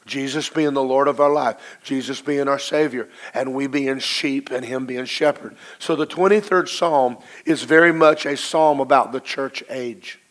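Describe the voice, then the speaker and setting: A middle-aged pastor with a low, hoarse voice preaches a sermon to his congregation. He stresses his words emphatically, slowly drawing them out.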